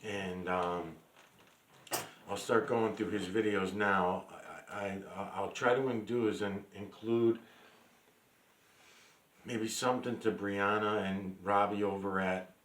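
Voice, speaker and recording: A man's voice: fairly low pitch, flat delivery, takes it slowly, pauses often, fairly bright tone, slight background noise. A man vlogging a rambling monologue to camera, meandering with many fillers and restarts, blunt and swearing. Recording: roomy echo.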